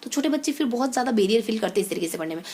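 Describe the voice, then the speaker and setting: Fast-talking woman teacher. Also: on the high side, expressive, darkish tone, slight background noise. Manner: explains with mnemonics, repeats points, many self-corrections. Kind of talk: exam-prep lecture.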